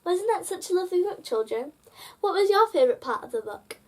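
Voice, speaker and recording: She reads a bedtime picture book briskly, her high voice expressive and sing-song as it follows the rhymes. As a children's storyteller, she turns to speak right to the young listeners.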